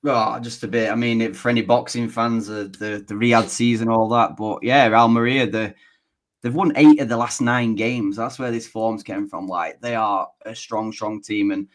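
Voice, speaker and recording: Northern english bloke on a football pod, tells stories, calls it straight. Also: male voice, lowish voice, steady tone, moderate pace. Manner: chatty storyteller, confident opinions. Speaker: podcast co-host. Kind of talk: casual football podcast chat.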